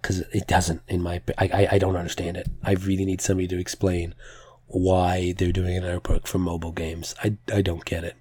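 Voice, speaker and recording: A man's voice: deep voice, completely flat delivery, brisk, warm tone, breathy edge, no echo. A man hosting a podcast solo with casual news commentary, hesitant and self-correcting, in a slightly strained, pressed voice. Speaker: podcast host.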